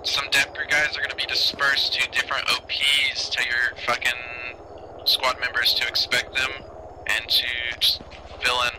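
A man's voice comes over a radio, terse and crude as he passes orders in a tactical game. The tone is very bright and sharp, and he speaks in a flat, level pitch. A faint hiss sits behind him. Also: unhurried, rough recording. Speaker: game player acting as commander.

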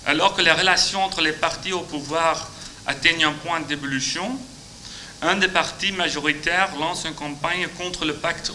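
A man in his thirties with a Flemish accent, giving a prepared conference talk in halting, non-native French with grammar slips. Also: fairly high pitch, sharp tone, rough recording. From Flemish Belgium. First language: Dutch (Flemish). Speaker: conference speaker, legal adviser. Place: large conference auditorium. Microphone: podium microphone. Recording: faint noise in auditorium.

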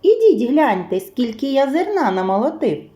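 A woman's voice: high voice, sing-song, moderate pace, mellow. A woman voicing a patient, hardworking male rooster in a children's storybook tale, calling out in a raised voice. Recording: roomy echo.

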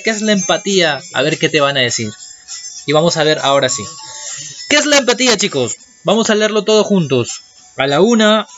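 A man teaching an online primary school class, lively and asking the children questions. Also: fairly high pitch. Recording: dull lo-fi with music behind.

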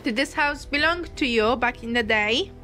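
A woman gently asking questions aloud, slow and coaxing, during a ghost hunt. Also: on the high side. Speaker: paranormal investigator. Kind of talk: calling out questions to spirits.

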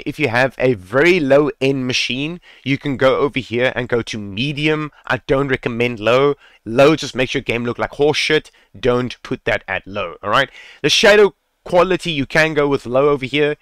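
A man's voice: medium pitch, fairly bright tone, clean tone, dry recording. A man casually talking viewers through game settings in a screen-recorded tutorial, repeating advice and swearing now and then while speaking into a headset mic. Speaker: gaming tutorial creator.

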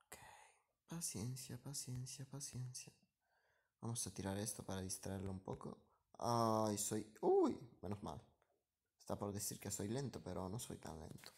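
A man's voice: lowish voice, big pitch swings, normal speed, creaky, darkish tone. A man giving live commentary over his own gameplay, muttering asides and repeating short phrases as the action swings. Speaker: gaming streamer.

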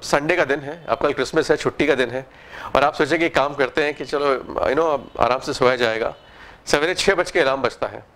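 Male speaker, slightly high voice, motivational talk, explains through everyday examples, checks in with the room. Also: fairly bright tone. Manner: explains with everyday examples, mixing Hindi and English phrases; asks the audience questions.

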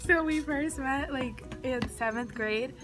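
Chatty young woman with a fairly high voice. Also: measured pace, music in the background. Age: young adult. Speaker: friend in a tag challenge. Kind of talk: casual chat. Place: outdoors against a wall.

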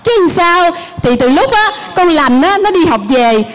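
A woman with a Southern Vietnamese accent playing a chattering farmer's wife who answers back quickly in a stage comedy skit. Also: very high voice, lively intonation. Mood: bickering. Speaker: stage actress. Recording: muffled recording with music behind.

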